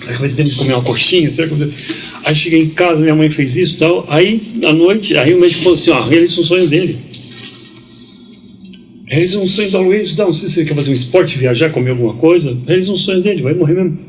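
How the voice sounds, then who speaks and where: Man telling a lively slangy story. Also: on the high side, fast. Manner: lively storyteller, slangy, quotes people in dialogue. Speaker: guest. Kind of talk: casual storytelling.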